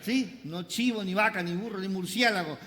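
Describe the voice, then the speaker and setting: A pastor preaching a sermon, having the congregation repeat lines after him, with playful joking asides. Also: male voice, high voice, moderate pace, fairly bright tone. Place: church service. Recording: reverberant church hall.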